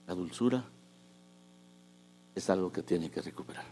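A man preaching a sermon, moving between hushed asides and loud, emphatic bursts. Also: low-pitched, moderate pace, slight background noise.

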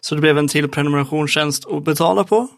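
Gravelly man giving short laid-back replies. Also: fairly high pitch. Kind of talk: casual chat.

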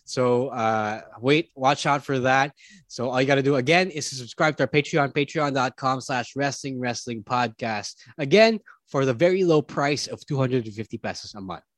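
A man's voice: medium pitch, normal speed, no room sound. A man, co-hosting a podcast in an informal way. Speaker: podcast co-host. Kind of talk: informal sponsor read and chat.

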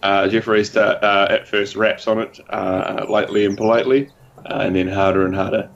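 A man playing in a tabletop game, narrating his character's actions in a relaxed, hesitant way with many pauses. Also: lowish voice, dull audio. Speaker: player.

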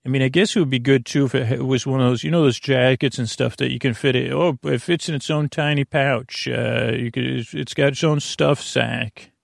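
A man hosting a bedtime podcast in a rambling, halting monologue, circling back and losing his thread, with a creaky, gravelly voice. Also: mid-range voice, steady tone, dry recording, clean studio sound. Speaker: podcast host. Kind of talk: rambling bedtime monologue to help listeners sleep.

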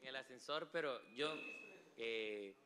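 A man in the congregation quickly telling a calm story of his own. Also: medium pitch, slight background noise. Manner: rapid, calm. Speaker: congregation member. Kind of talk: quick testimony from the crowd. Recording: far from the mic, with faint room ambience.

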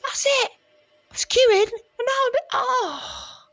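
A game master putting on a dazed, squeaky bloke. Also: a little slow, fairly bright tone, lo-fi sound, faint music behind, heavily acted. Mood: bewildered. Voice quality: high, bewildered and whiny. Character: dazed confused injured man.

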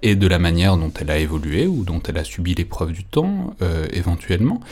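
A man with a very low, deep voice hosts an interview podcast. He talks in a hesitant way, full of fillers and restarts. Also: very animated, a little fast, darkish tone. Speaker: podcast host.

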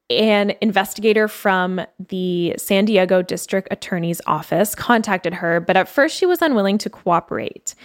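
A woman co-hosting a podcast, walking through a case in a relaxed, chatty way. She fills her talk with "like" and restarts. She is from Canada. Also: medium pitch. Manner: chatty storytelling with many fillers. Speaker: podcast co-host telling a case. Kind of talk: casual chat.

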